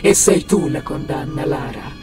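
A woman's voice: normal speed, lightly acted. A woman voicing a cruel nightmare apparition in a video game, hissing cold, menacing accusations. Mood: cold contempt. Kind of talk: dramatic video game acting. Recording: echoing, distant voice under music.

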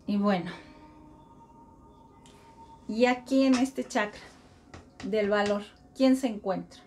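A woman's voice: mid-range voice, slow pace, darkish tone, a little hiss or hum. A middle-aged woman giving an earnest spiritual self-help talk, repeating mantras and acting out everyday inner voices.

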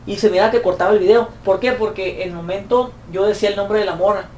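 A man's voice: steady tone, quick pace, a little mellow. A man with a Mexican accent, a YouTuber answering fan questions in a profane, mocking comic rant. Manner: profane, mocking, shrill put-on voices when quoting. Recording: roomy echo, distant mic, faint noise.

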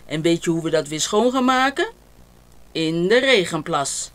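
A woman's voice: on the low side, lively intonation, measured pace. A woman voicing a cheerful, mischievous old grandfather in a storybook reading, with a jolly, teasing tone.

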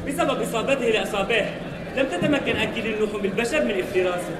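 A man's voice: sits high, racing. A man in his thirties narrating and acting a story theatrically, projecting from a stage. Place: large indoor hall on a stage. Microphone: far camera in the audience. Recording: echoey hall from far off, music, audience noise.

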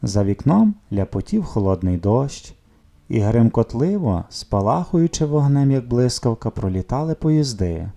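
A man reading a children's story aloud with expressive narration. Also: mid-range voice, unhurried, gravelly. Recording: soft music behind the reading.

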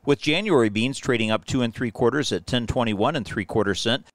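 A man hosting a farm radio show, reading market prices and news in a brisk announcer delivery. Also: mid-range voice, a bit bright, no echo.

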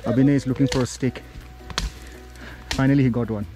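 A man's voice: mid-range voice, steady tone, brisk, over music. A man talking casually to his camera while hiking outdoors on a mountain trail, out of breath from the climb. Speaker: travel vlogger. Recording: noisy outdoor camera audio.

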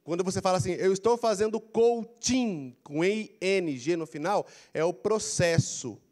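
A middle-aged Brazilian man with a handheld mic, giving an animated career coaching lecture in a large auditorium, prompting the audience to repeat phrases. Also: high-pitched, moderate pace. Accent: Brazilian Portuguese. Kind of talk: lively motivational lecture. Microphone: handheld mic, walking the floor.

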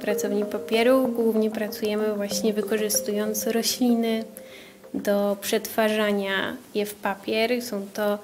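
A woman's voice: mid-range voice, level tone, measured pace. A woman in her twenties, an art student, explaining her work in an exhibition interview. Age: 20s. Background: music.

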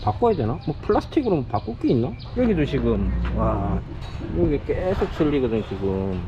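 With a very animated, medium-pitched voice at a moderate pace, a middle-aged man from South Korea gives casual vlog chat and narration, rambling and muttering to himself. He's at a busy rural family home in Cambodia, and the muffled recording carries background noise and crowd chatter.

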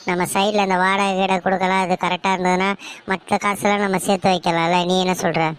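A woman's voice: mid-range voice, little pitch movement, fast talker, a little hiss or hum, lightly acted. A woman voicing a blunt, commanding older mother-in-law in a cartoon story, with a Tamil Nadu accent. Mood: persuading.

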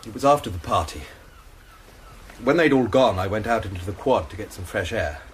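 In a BBC radio drama, an actor plays an anxious young male student suspect who tells his story in a rambling, worried way. His voice is on the low side and brisk, close to how someone would normally talk.

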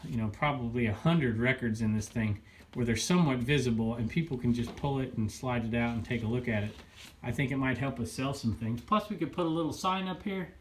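A man in his forties talking casually about his resale finds, upbeat and rambling, filmed at arm's length in a small cluttered room at home. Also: medium pitch. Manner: chatty, upbeat, rambling with self-corrections. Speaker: reseller vlogger. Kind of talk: casual haul vlog.

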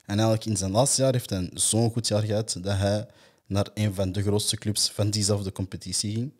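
A man, hosting a casual football podcast and reading player facts in a steady, matter-of-fact way. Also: on the low side, normal speed.

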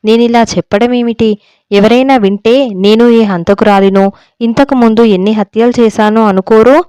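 A woman's voice: a little high, fairly even intonation, normal speed, dark tone, clear, resonant tone, no echo, natural voice. A woman voicing a timid, anxious young wife who pleads with her friend in a storybook reading.

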